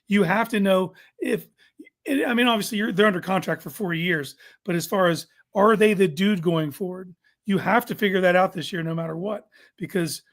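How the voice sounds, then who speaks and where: A man's voice: high-pitched, a bit bright. A man hosting a casual sports talk show, making his points informally and emphatically, repeating them for stress.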